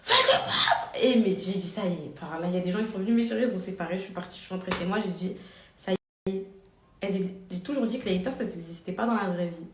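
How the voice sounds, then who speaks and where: A woman's voice: on the low side, echoey room, a little hiss or hum. A young woman, a social media influencer, telling her followers a story in a casual, slangy way. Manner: rapid, animated, slangy.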